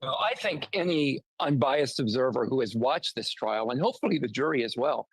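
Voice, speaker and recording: A man's voice: medium pitch, lively intonation, brisk, breathy edge, no room sound, rough recording. A man speaking as a defense attorney in a remote news interview, arguing emphatically and posing rhetorical questions. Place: near a road with passing traffic.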